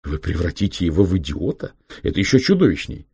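A male narrator doing a principled doctor leading a team, agitated and morally outraged. His voice is low and husky, with a dry close sound. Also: very animated, quick pace, dark tone, no room sound, full character voice. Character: indignant male doctor, mission leader with scruples.

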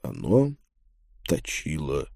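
A man narrating a first-person fantasy audiobook in a measured, grim way. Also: rumbling low, wildly swooping pitch, creaky, mellow, breathy edge, no room sound, studio quality.

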